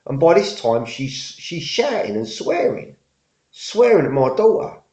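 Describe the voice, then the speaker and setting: A middle-aged man with a dark, mellow voice rambles through a casual story, circling back and repeating himself. He uses everyday working-class slang. The sound is dull and lo-fi and echoes around the room. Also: on the high side, very animated, unhurried. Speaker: vlogger.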